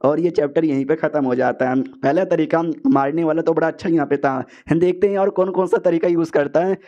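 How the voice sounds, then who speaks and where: Casual male recap narrator, a touch high and mellow, slangy, acts out the dialogue. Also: fairly even intonation, a little fast, lo-fi sound.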